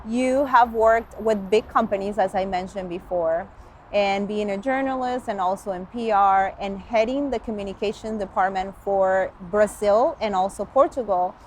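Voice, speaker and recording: A woman's voice: mid-range voice, moderate pace, darkish tone, slight background noise. A woman hosting an interview, upbeat and friendly, who switches between languages. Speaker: interview host.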